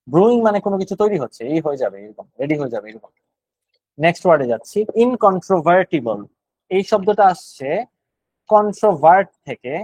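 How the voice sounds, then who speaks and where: A man's voice: fairly high pitch, warm tone, no echo, poor audio. A man with a Bangladeshi accent teaching GRE vocabulary online, explaining words one at a time and thinking aloud.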